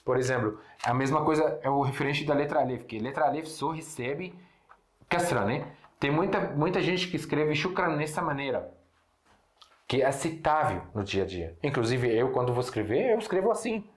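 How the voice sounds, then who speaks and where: Young male Arabic teacher with an Arabic accent, explainer type, mid pitch, roomy echoey recording. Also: animated, moderate pace. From Syria. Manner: patient explaining, frequent self-corrections and rhetorical questions. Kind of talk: online language lesson. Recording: echoey room.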